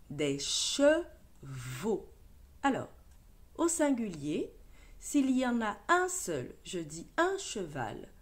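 A woman teacher with a French accent leading a reading lesson for young children, sounding out words and syllables slowly and clearly. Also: on the low side. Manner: slow, clear syllable-by-syllable modeling. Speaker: primary school teacher.

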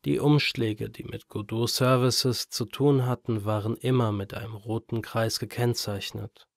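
A man reading a horror story as narrator in a measured, even storytelling manner. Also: medium pitch, no room sound, studio quality.

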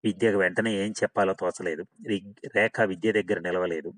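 Low-voiced man narrating a novel. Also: steady tone, moderate pace. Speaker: audiobook narrator.

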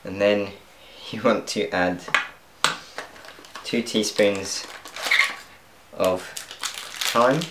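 In an echoey home kitchen with pans faintly clattering, a young male cooking vlogger chats casually to viewers as he cooks, laughing at his own mistakes. His voice is fairly low and steady, and he draws out his words and pauses often. There's background noise.

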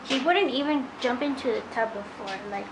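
Radio music plays in the indoor grooming room, metal tub nearby, as this woman talks while grooming dogs. She sits high in pitch and speaks at normal speed, her informal vlog chat rambling and slightly hesitant over the noisy background.

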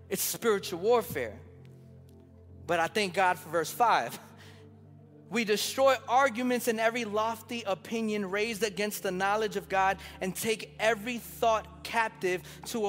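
High-voiced pastor guy preaching hard, telling a family story, faint music behind. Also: a bit bright, long reverb tail. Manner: emphatic preaching with storytelling asides. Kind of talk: sermon. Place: church sanctuary.

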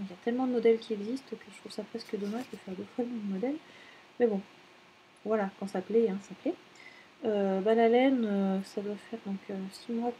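A woman's voice: a little high, warm tone, a little hiss or hum, low-quality recording. A woman in her thirties chatting casually at home as a knitting vlogger, rambling with many fillers and self-corrections. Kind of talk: casual chat.

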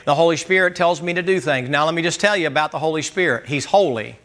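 A man's voice: on the high side, quick pace, a bit bright. A man preaching a Sunday school sermon in a folksy, joking and emphatic way.

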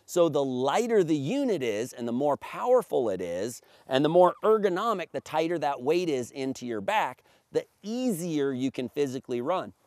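Standing by a fence in an open grassy field, a paramotor maker in his forties delivers a promotional walkthrough of his gear with salesman-like emphasis, reading points off a sheet and gesturing. His voice leaps up and down in lively swings. Recorded by a camera a few meters off, the audio is dry, with no echo or sense of room.

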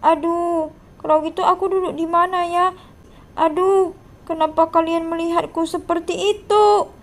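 A woman's voice: very high voice, steady tone, normal speed. A woman voicing a teased, lonely monster schoolkid with a whiny, plaintive way of talking in a game role-play.

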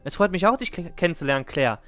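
A calm young woman who will teach the village, voiced by a man lifting his pitch a little. The reading is measured, with small slips, in a live-read game scene. Faint music sits behind. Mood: earnest.

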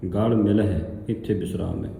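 A man teaching scripture recitation, chanting verses slowly and then explaining pronunciation and where to pause. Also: deep voice, fairly even intonation, gravelly, dark tone, a little hiss or hum. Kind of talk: slow didactic recitation lesson. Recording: echoey room with long reverb.

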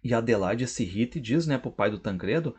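A Brazilian man teaching literature, recounting a story with dramatic readings of its dialogue. His voice is husky and mid-pitched, and he pushes the quoted lines with emphasis. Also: quick pace. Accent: Brazilian Portuguese. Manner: lively, recounts scenes and reads quotes with emphasis.

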